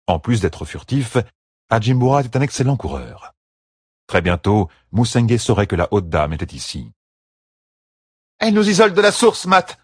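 A man reads a fantasy audiobook in a steady, expressive way, his low, husky voice rising and falling freely. The sound is dry and close. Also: dry recording. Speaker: narrator. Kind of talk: audiobook narration.

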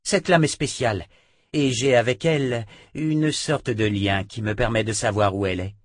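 A man voicing a resolute young swordsman who explains calmly. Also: medium pitch, normal speed, no room sound, studio quality, lightly acted.

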